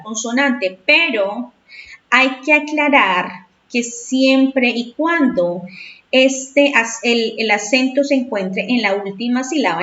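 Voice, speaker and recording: A woman explains English grammar in a slow, patient way, often asking her class if they follow. Her voice is a little high and sounds distant in an echoey room. The recording is dull and lo-fi. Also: fairly bright tone. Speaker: English teacher. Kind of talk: bilingual grammar lesson.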